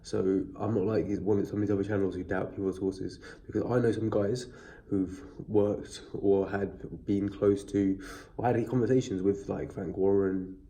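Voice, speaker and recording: His voice is deep and warm. A man with a congested, sniffly cold, he rambles chattily through a boxing news video as a boxing vlogger, full of fillers and restarts. He uses only the device's built-in microphone, not an external one.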